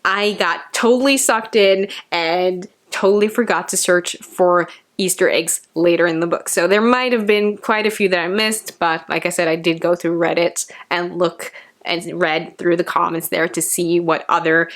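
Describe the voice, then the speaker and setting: A woman hosting a casual book review vlog, chatty and excitable, speeding up when she gets excited. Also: fairly low pitch, normal speed.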